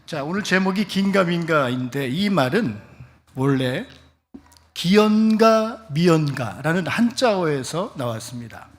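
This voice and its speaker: A middle-aged man preaching a Sunday church sermon, his voice sitting a touch higher than most men's. He moves between reading scripture aloud with the congregation and chatting with them, asking questions and waiting for answers. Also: lively intonation, measured pace. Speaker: pastor. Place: church service.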